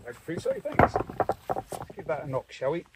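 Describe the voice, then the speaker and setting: Recorded from a distance by a camera several metres off, this middle-aged man has a fairly high voice whose pitch swoops wildly, though his speed is normal. He's a vlogger and father working in his garden, chatting casually in a patient, encouraging way amid outdoor noise and handling clicks.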